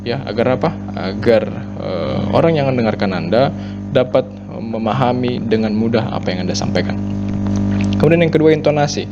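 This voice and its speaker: A man's voice: medium pitch, lively intonation, moderate pace, creaky. Man teaching a lesson over mains hum. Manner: explains point by point, with frequent "ya" and "nah" fillers. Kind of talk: recorded classroom lesson. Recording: dull lo-fi audio with mains hum.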